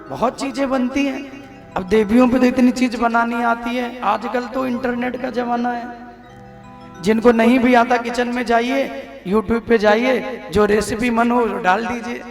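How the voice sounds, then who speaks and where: A man with a North Indian accent gives a devotional sermon in a high, ringing voice. He exhorts the crowd and asks them to call back louder. The hall is roomy, with soft music faintly beneath him. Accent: North Indian, Vrindavan. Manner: exhorting, calls on audience to respond. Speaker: Bhagwat katha preacher.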